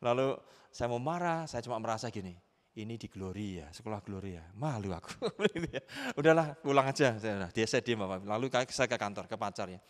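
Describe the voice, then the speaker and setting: A middle-aged man, a pastor preaching and telling a personal story in a lively way, acting out his family members' voices. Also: mid-range voice, fast. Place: church sanctuary. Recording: reverberant church hall.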